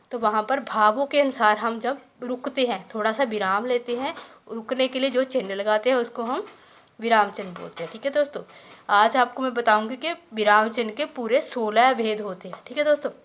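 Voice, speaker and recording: A woman teaching a grammar lesson, explaining step by step, often pausing to check in with viewers and reading example sentences slowly. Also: a little high.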